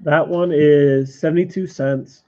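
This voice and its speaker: A man's voice: on the high side, steady tone, measured pace, mellow. A man co-hosting a live card sale, reading card names and prices and explaining strategy in a matter-of-fact way. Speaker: game store co-host. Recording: dull lo-fi stream audio.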